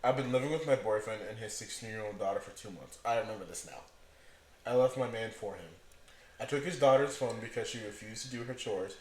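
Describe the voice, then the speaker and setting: A man co-hosting a casual podcast, telling stories in animated bursts with rising emphasis. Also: lowish voice, a little fast. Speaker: podcast co-host. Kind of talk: casual storytelling chat. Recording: echoey room with faint background noise.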